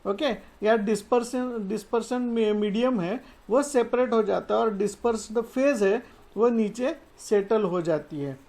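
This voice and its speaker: A woman's voice: fairly high pitch, measured pace, warm tone. A woman with a Marathi-influenced Hindi accent, teaching a science lesson, explaining step by step and mixing in English terms. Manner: explanatory, mixes English terms, frequent "okay" fillers. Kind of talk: classroom lecture explaining slides.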